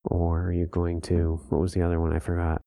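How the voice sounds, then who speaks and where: A man's voice: deep voice, completely flat delivery, fairly quick, gravelly, warm tone, no echo. A man co-hosting a podcast, teaching from scripture and asking rhetorical questions. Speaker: podcast co-host. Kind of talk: bible teaching discussion.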